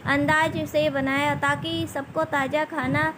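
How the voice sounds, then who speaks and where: A woman's voice: sits high, little pitch movement, unhurried, noisy background. Woman reading as a practical older mother-in-law.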